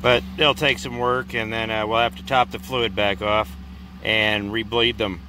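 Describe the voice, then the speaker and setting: A man's voice: lowish voice, flat delivery, measured pace, background noise. A man in his forties talking plainly with lots of fillers, filming himself at arm's length in his car and outdoors in a driveway as he works on the car. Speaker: vlogger doing car maintenance. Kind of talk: casual how-to vlog. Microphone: handheld camera at arm's length.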